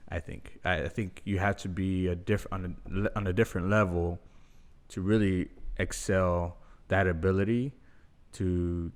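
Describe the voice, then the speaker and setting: Low-pitched male podcast host, loose and conversational. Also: a little slow. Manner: relaxed and rambling, many fillers.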